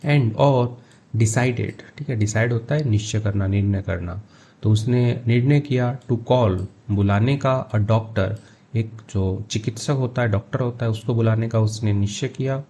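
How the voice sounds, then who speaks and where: Mellow-voiced man teaching English. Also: on the low side. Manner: reads English phrases slowly, then explains in Hindi. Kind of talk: line-by-line story translation lesson.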